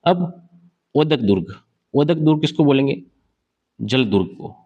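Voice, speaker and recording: A man's voice: mid-range voice, expressive, measured pace, dark tone, breathy edge. Male teacher, exam-prep lecture, asks then answers himself, draws on a board, slightly muffled lo-fi sound. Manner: sketches on a board while explaining.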